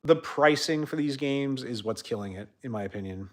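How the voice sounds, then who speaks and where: A young man hosting a casual livestream chat, rambling with many fillers and trailing off quietly at the ends of sentences. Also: mid-range voice, moderate pace. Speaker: host.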